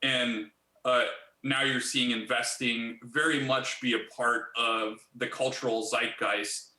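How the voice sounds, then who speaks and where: Measured man, bright tone, roomy studio. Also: medium pitch, flat delivery. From Bulgaria. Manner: measured, many fillers and restarts. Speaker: company chief executive, guest. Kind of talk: interview answers.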